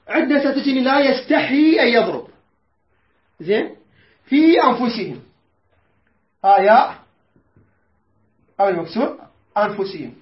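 A man teaching Quran recitation rules, explaining patiently, asking his students questions and chanting verses slowly. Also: very high voice. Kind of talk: tajweed lesson with recited verses. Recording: echoey room, dull lo-fi sound.

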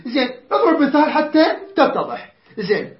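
A man with a very high voice teaches Quran recitation rules. He quizzes his students, corrects how they say each word and recites verses slowly and stretched out. The recording sounds roomy and a bit dull. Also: wildly swooping pitch. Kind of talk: tajweed lesson to students.

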